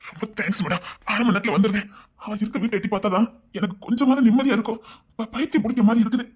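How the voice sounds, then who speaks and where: A restless, lovesick police officer from an animated story, voiced by a woman, talking fast with a Tirunelveli accent and tripping over his words. The voice is husky and hurried. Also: a little high. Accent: Tirunelveli Tamil. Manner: agitated, stumbling over words.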